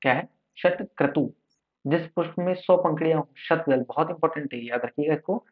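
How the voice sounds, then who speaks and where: A man's voice: on the high side, a little fast, husky. Man drilling exam words over a tinny line. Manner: drills each word by repeating it. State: slightly unwell, coughing. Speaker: exam coaching teacher. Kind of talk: online exam-prep lesson. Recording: tinny phone-like sound.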